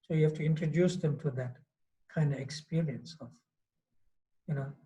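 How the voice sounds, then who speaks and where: Heard through poor audio, a swami in his fifties teaches a devotional class in Mauritius, chatting loosely and often using "you know." His voice is a little high, warm and steady, at a moderate pace.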